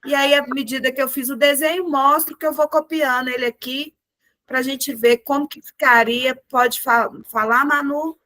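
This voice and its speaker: A woman teaching a group music lesson over a video call, encouraging the class and chanting words slowly in rhythm. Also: high-pitched, fairly even intonation, pushed and bright, dry recording.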